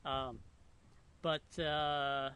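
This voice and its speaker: A man hosting a casual chat outdoors, laid-back and chuckling, halting often with fillers. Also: mid-range voice, little pitch movement, sharp tone, clear, resonant tone. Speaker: podcast host.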